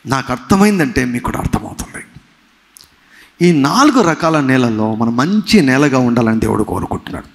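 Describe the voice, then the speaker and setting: Animated preaching man in an echoey hall. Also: mid-range voice, a little fast. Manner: emphatic preaching, swinging from soft to loud; mixes in English phrases. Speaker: pastor. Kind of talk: sermon. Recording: long hall reverb.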